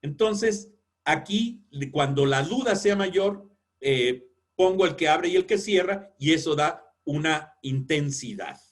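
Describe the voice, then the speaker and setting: Husky man teaching a webinar. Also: fairly high pitch, expressive, takes it slowly. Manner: explanatory, acts out example sentences. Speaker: lecturer on editorial writing. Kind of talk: webinar lecture.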